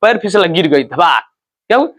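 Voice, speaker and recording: A man teaching a story lesson in an animated way, checking understanding with repeated questions and acting out the characters' cries. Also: sits high, fairly quick. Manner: acts out characters' cries in quoted lines.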